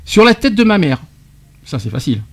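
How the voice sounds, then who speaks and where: Un animateur de radio qui interroge son invité en expliquant de l'argot, avec entrain et des rires. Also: male voice, high-pitched, sing-song, fairly quick, fairly bright tone, husky. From France. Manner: quizzing, explaining slang terms with laughs. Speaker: radio show host. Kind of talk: radio debate segment.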